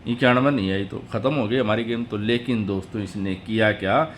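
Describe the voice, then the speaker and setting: A man's voice: lowish voice, fairly even intonation, a little hiss or hum. Chatty man walking viewers through number charts. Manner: chatty, calls viewers brother and friends; steps slowly through charts on screen. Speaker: tutorial video host. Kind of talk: explaining number patterns to viewers.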